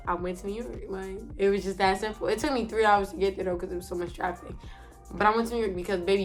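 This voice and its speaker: A young woman vlogger telling a story in a casual, slangy way from her bed, acting out what she and others said. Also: mid-range voice. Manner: animated, slangy, acts out her own quotes.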